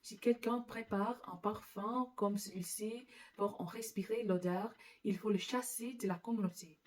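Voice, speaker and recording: English lady reading the bible slowly, halting, trips over words and starts again. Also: mid-range voice, steady tone. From England. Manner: halting, careful reading that stumbles and restarts on words. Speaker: Bible reader. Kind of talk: reading scripture aloud.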